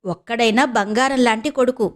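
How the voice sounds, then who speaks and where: Brief: witty young wife in an audio novel, read by a woman, polite with a teasing edge, slightly high. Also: fairly quick, lightly acted. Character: young married woman, sharp-witted and teasing.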